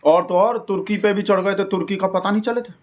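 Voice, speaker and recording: A man's voice: sits high, brisk. A man delivering a rambling satirical monologue in character as an earnest party devotee, folksy and mock-earnest.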